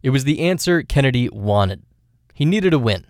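A man reads a scripted news feature as a radio reporter. His voice sits at a middle pitch, in a very dry studio sound. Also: big pitch swings, moderate pace, no room sound.

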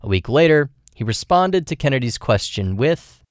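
Man, radio reporter, scripted feature narration, medium pitch, dry close studio sound. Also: very animated, moderate pace, dry recording.

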